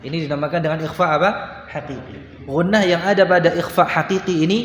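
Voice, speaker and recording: A man's voice: fairly high pitch, fast talker. A man teaching Quran recitation to students, explaining patiently and chanting examples aloud. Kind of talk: religious lesson to students. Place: large room in a school. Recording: echoey hall, faint background noise.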